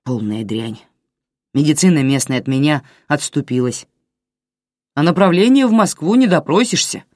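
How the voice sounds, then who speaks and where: Gruff grumbly old stepdad, bitter, voice jumps around a lot, dry close audiobook sound, as a reader puts him on. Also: medium pitch, animated, moderate pace, darkish tone, no echo, natural voice. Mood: grumbling. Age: older. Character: bitter elderly man, grumpy stepfather.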